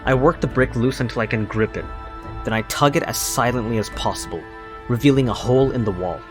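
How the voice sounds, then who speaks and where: A man's voice: mid-range voice, brisk. Male game player narrating text aloud, mid-range voice, light background music. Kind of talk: dramatic reading of game narration.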